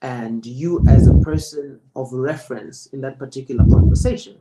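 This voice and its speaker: A man giving a presenter spoken feedback as a public speaking coach, in a measured, emphatic, deliberate way. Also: medium pitch, heavy background noise.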